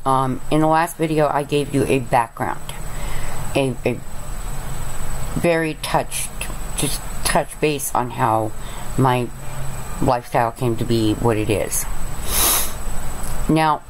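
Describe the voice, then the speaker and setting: A woman's voice: very deep voice, takes it slowly, pauses often. A middle-aged woman vlogging casually from her bed, rambling and chatty, often calling her viewers "guys". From Arizona. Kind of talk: casual vlog monologue. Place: bedroom, lying in bed. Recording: noisy home webcam recording.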